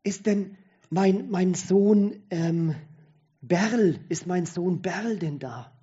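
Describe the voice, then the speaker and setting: A man's voice: sits high, drawn-out words, mellow, husky, dull audio, voice pushed up, exaggerated voice. A man voicing a frail, dying old father in a joke, speaking in a weak, strained voice. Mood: feeble, fretful.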